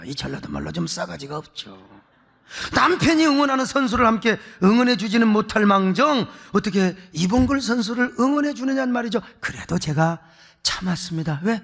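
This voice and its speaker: A male pastor preaches a sermon and acts out the voices in his story. His voice sits very high and has a gravelly edge. It rings out through a long church reverb. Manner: storytelling with acted-out voices and shouts. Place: large church sanctuary.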